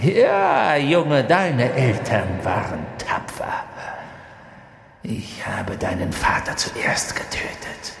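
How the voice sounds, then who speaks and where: A man voicing a cold, cruel male dark wizard in an audiobook, talking low and slow with sudden shrieks. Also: vocal fry, heavy reverb, long reverb tail, exaggerated voice. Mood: mocking. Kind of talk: audiobook character voice.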